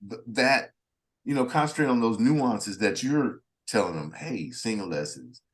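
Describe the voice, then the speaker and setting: A man's voice: mid-range voice, moderate pace. A man interviewing a guest, a music reviewer who talks casually and animatedly, acting out quotes. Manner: animated, acts out quotes with a rising voice.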